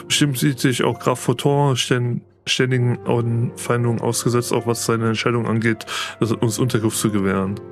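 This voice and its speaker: A serious young strategist ally, read out plainly by a man. The voice sits in a middling register with faint game music underneath. It comes across as plain, even reading rather than acting. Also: mid-range voice, natural voice.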